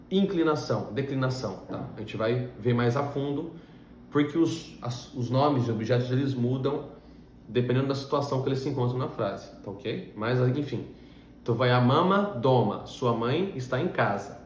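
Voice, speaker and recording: Slow, patient man teaching in a roomy space. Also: medium pitch. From Russia. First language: Russian. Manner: patient, step-by-step explaining with frequent check-in questions. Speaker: Russian language teacher. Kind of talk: explanatory language lesson. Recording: roomy echo with faint background hum.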